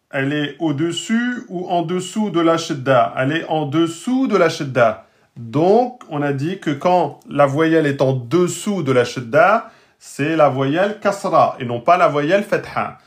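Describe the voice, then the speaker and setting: Male teacher, fairly high voice, slow patient syllable drills. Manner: sounds out words very slowly, raising his pitch; speaks straight to his students. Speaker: Arabic and Quran reading teacher. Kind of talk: recorded lesson.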